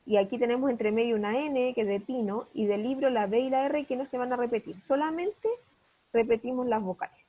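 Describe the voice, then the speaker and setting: A woman teaching a class over a video call, patiently asking her pupils questions to check they follow. Her voice is somewhat high and a little husky. The sound is dull and lo-fi. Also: a little fast. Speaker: primary school teacher. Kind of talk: online class lesson.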